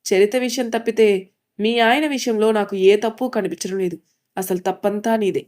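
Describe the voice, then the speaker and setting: A woman's voice: mid-range voice, fairly even intonation, moderate pace, a little mellow, natural voice. A woman voicing an outspoken young woman who talks bluntly and lectures.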